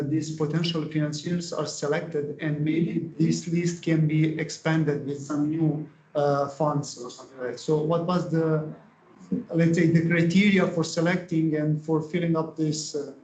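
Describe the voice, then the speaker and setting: A man from the audience asking a polite, halting question at a conference. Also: on the high side, darkish tone. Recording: echoey room, dull sound.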